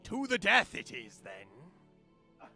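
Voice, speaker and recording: A man's voice: high-pitched, huge pitch swings, extremely slow, pushed and bright, soft background music, voice pushed up, heavily acted. A man voicing a proud, brazen pirate captain in a tabletop game, boastful and formal as he bargains and challenges. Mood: challenging.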